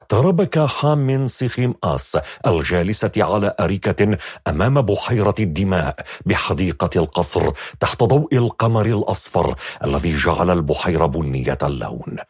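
A man narrating a dark fantasy audiobook with dramatic storytelling. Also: low voice, animated, fairly quick, slightly rough, dry recording, clean studio sound.

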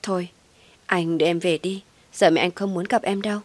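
A woman's voice: lowish voice, fairly even intonation, brisk, no echo, close to an everyday voice. A woman voicing a timid anxious young woman. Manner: timid, hesitant.

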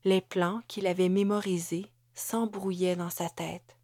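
This woman's lowish voice carries a novel's scripted narration with measured, even storytelling. The recording is dry, with clean studio sound.

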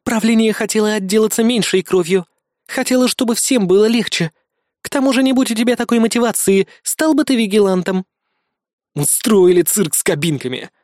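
A man's voice: high voice, a little fast, a little mellow, no echo, pitched above the performer's own voice, lightly acted. A male reader voicing a scheming alien woman who controls a host body, mocking and bossy, recorded close on a dry studio mic.

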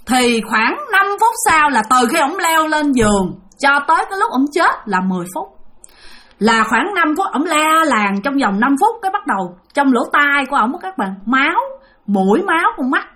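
A woman with a Southern Vietnamese accent telling a ghost story in a lively, dramatic way, speaking straight to her listeners. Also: high-pitched, moderate pace.

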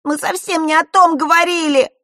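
A woman reading aloud, voicing a frightened teenage boy who swings between hushed pleading and tearful shouting. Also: lowish voice, expressive, slow, slightly rough, no room sound, clean studio sound, heavily acted. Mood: yelling sobbing. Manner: pleading, then shouting and sobbing.

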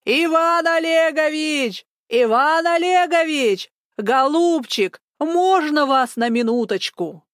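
Brief: woman reading as a stubborn old busybody, bossy, shrill and insistent, dry close sound. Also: expressive, a little slow, no echo. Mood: demanding. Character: stubborn elderly woman activist, loud and bossy.

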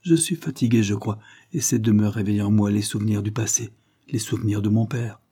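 A man reading aloud voices a gentle, tired young wife who speaks softly and quietly. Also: on the low side, fairly even intonation, brisk, slightly rough. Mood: weary, gentle. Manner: soft and hushed. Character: gentle, weary young lady, soft-spoken.

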